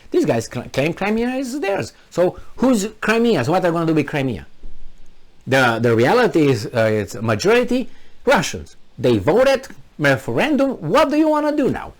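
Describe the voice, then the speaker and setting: A commentary channel host from Transylvania, speaking with a Romanian accent, argues through a political monologue built on rhetorical questions. He speaks at normal speed in a voice on the high side, with huge swings in pitch.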